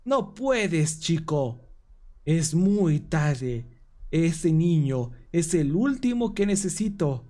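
A man's voice: on the high side, big pitch swings, extremely slow, dark tone, heavily acted. Man reading a gloating cult villain. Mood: menacing. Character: gloating male cult villain, cold and menacing.

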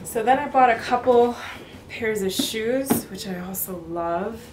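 A woman in her thirties chatting casually to camera in a room at home, bubbly and quick to laugh. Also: on the high side, lively intonation. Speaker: fashion vlogger. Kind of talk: casual haul chat. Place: bedroom or apartment, indoors. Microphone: camera on tripod, mid-distance. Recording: roomy, noisy indoor recording.

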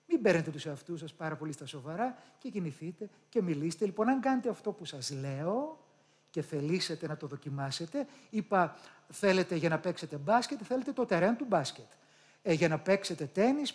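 Greek guy from patras coaching a crowd on public speaking, animated, sounds words out loud. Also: high voice. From Greece. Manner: animated, demonstrates sounds aloud, addresses the audience directly. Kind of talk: live talk to an audience. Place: room with a live audience.

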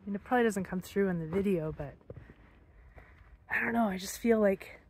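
A middle-aged hiking vlogger muses aloud to her handheld phone, held at arm's length, as she walks forest trails on a hillside. She has a mid-range, slightly mellow voice with a breathy edge and a moderate pace, captured in outdoor phone audio with background noise.

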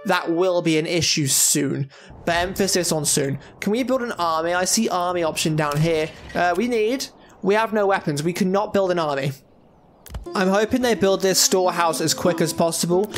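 Chatty high-voiced gamer. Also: male voice. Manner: chatty, thinking aloud, jokey asides. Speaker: gaming YouTuber. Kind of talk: casual let's-play commentary.

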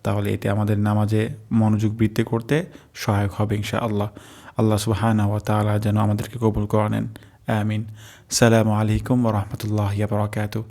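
A man teaching a pronunciation lesson, who slowly draws out each syllable as he models the sounds. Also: lowish voice, completely flat delivery, dark tone. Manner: slow, careful instruction.

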